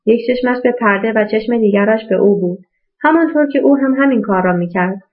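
A woman reading a novel aloud as audiobook narrator in a steady storytelling manner, in a tinny phone-like recording. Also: fairly high pitch.

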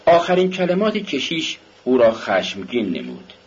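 A man narrating an audiobook in a dramatic, expressive style. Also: mid-range voice, husky. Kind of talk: scripted narration. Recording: dull lo-fi recording with faint hiss.

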